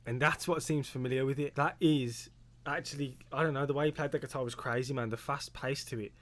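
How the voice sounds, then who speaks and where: Fast-talking excitable British man. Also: mid-range voice. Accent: British English. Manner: excitable, slangy, bursts of loud exclamation. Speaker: music reaction video host. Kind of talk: casual reaction commentary.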